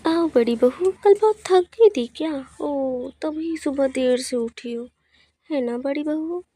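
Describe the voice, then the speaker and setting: A woman's voice: sits high, takes it slowly, mellow, dry recording. A woman voicing a stern, scolding mother-in-law in a cartoon story. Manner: bossy, scolding.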